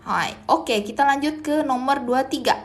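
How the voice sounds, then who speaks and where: A young woman with a slightly high voice hosts a casual language lesson on a live stream, speaking at normal speed. She's relaxed and chatty, dropping Japanese phrases into her explanations.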